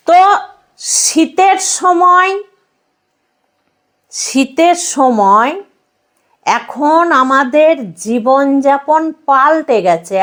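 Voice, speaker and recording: A woman preaching a devotional sermon in a fairly high voice. She talks slowly and with emphasis, stacking up repeated phrases. She turns to her listeners with rhetorical questions. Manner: repetitive emphatic preaching lists. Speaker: religious speaker.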